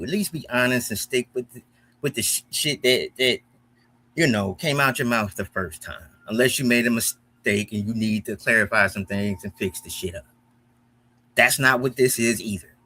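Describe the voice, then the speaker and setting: Heated, profane American man, animated. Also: mid-range voice, slightly rough. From United States. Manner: animated, profane, repeats himself when heated. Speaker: commentary host. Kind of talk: heated reaction commentary.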